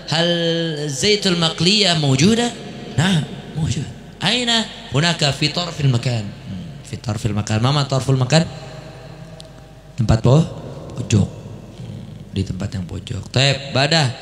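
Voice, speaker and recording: A man's voice: on the high side, lively intonation, slow pace, pauses often, bright, forceful tone. Indonesian man teaching Arabic in an echoey hall. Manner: repeats words, quizzes students, acts out short dialogues. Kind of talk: classroom lesson mixing Arabic and Indonesian. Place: classroom at an Islamic boarding school.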